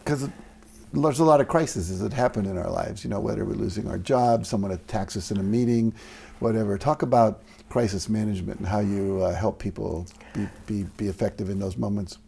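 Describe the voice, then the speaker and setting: A male host who affirms the guest's points and thinks out loud while asking his questions. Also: on the low side, fairly quick, vocal fry, breathy edge. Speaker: interviewer, host. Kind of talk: interview questions.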